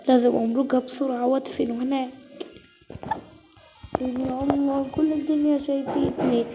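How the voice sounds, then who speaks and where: High frantic woman storyteller. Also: creaky, mellow. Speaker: storyteller voicing the heroine. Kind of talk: first-person role-play storytelling.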